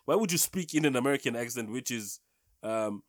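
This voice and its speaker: Halting man reviewing films. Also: mid-range voice, animated, dry recording, clean studio sound. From South Africa. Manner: halting, repeats words, many fillers. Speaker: podcast co-host. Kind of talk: casual film review chat.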